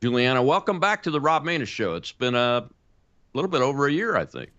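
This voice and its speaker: A man's voice: mid-range voice, big pitch swings, brisk, a bit bright, dull audio. A man in his sixties hosting a political talk show, speaking emphatically with frequent fillers and restarts. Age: 60s.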